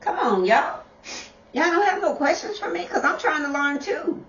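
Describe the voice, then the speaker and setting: A middle-aged mother talking casually to her viewers on camera, slow and repetitive, calling them y'all. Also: high-pitched, big pitch swings, a little hiss or hum. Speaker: vlogger, mother. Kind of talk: casual direct-to-camera talk. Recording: dull, roomy, distant camera audio.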